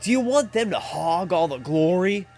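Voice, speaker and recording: A man's voice: sits high, lively intonation, normal speed, a little mellow, soft background music, voice pushed up. A man voicing an arrogant young male clan warden, in a drawling hippie-like voice full of haughty condescension. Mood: whiny.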